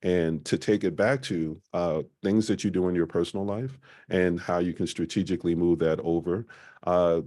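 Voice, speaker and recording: A man presenting a small-business marketing workshop in a conversational way, often pausing on "uh". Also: low voice, warm tone. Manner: conversational, frequent "uh" fillers.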